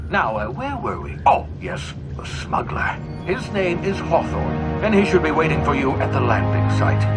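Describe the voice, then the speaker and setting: An actor playing an eccentric, flustered scientist in a video game, muttering and halting theatrically over a radio-like link. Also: male voice, on the high side. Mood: distracted. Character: eccentric, flustered male scientist guiding a recruit. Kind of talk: video game character dialogue.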